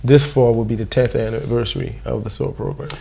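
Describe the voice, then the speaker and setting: Man, gravelly, relaxed guest, easygoing interview talk. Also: mid-range voice, brisk, slight background noise. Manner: relaxed, informal, many fillers. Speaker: youth program staff guest. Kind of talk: casual interview.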